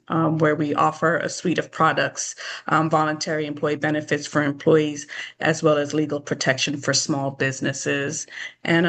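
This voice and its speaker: Friendly woman attorney introducing herself. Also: low voice. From Guyana. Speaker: attorney and HR consultant. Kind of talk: self-introduction on a video call.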